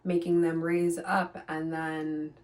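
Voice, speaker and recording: A woman's voice: low-pitched, little pitch movement, takes it slowly, darkish tone, recorded from a distance. A woman giving hair care advice in a vlog, speaking in an emphatic, reassuring coaching tone that repeats key points. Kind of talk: direct-to-camera advice vlog.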